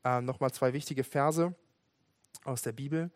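A young man delivers a sermon in an earnest, conversational tone, often restarting and filling pauses. His voice sits at a middle pitch and is recorded dry and close, with no room around it. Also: steady tone, dry recording. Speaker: preacher.

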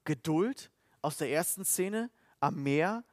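Earnest German pastor preaching, dry sound. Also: male voice, fairly high pitch, expressive, takes it slowly, a little mellow, no echo. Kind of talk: sermon.

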